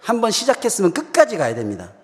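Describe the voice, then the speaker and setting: A man's voice: sits high, quick pace. A man preaching a sermon in a church sanctuary, telling a personal story to the congregation. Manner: animated storytelling, addresses congregation. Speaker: pastor. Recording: long hall reverb.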